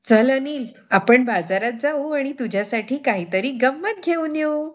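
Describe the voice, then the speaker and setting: A woman's voice: high-pitched, lively intonation, unhurried, pitched above the performer's own voice. A woman voicing a mother who firmly warns and coaxes her young son. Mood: coaxing. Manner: firm, scolding, then coaxing.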